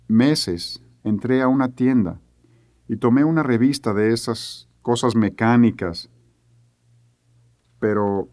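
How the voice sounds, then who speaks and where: A man's voice: lowish voice, darkish tone, no echo, clean studio sound. A middle-aged man teaching a sermon, telling a family story earnestly and acting out the voices he quotes. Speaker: preacher.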